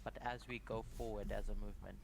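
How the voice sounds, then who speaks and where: A young man from Zimbabwe leading a prayer and a Bible study, speaking in short measured phrases with pauses for an interpreter. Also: fairly low pitch, little pitch movement, vocal fry. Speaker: guest Bible study presenter.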